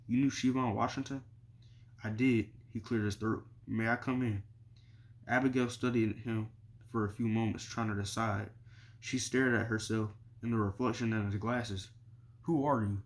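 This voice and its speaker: A man reading a novel chapter aloud in a plain, steady way, barely changing his voice between characters. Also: on the low side. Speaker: audiobook reader.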